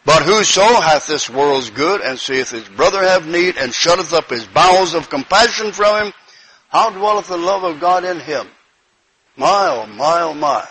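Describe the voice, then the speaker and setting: A man's voice: a little high, animated, unhurried, sharp tone, slight background noise, poor audio. A man preaching a sermon, reading King James scripture aloud and breaking in with emphatic repeated phrases and praise.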